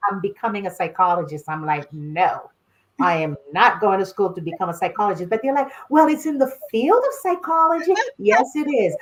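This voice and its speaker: A middle-aged woman born in Haiti and raised in Boston joins a casual podcast as a guest expert, a clinical sexologist. In a mid-range voice, she is an animated storyteller sharing personal stories, laughing often and calling listeners "y'all." The recording is rough.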